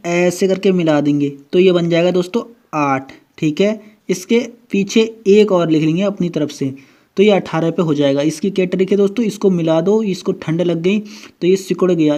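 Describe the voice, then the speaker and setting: A coaching-class tutor with a high, darkish voice teaches memory tricks at the board, moving step by step through the whiteboard lesson. He frequently checks in with "theek hai," says "dosto" a lot, and spells words out slowly.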